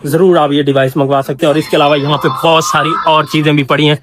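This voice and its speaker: A young man vlogging casually from inside an indoor trade center, pitching gadgets with eager, salesman-like enthusiasm. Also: little pitch movement, fast, noisy background. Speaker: travel vlogger. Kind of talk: casual promotional walkthrough.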